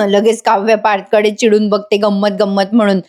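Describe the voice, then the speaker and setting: A woman's voice: mid-range voice, little pitch movement, moderate pace, a little mellow. A woman narrating a chatty voice-over review of a TV serial, talking straight to her viewers. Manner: chatty, addresses viewers directly.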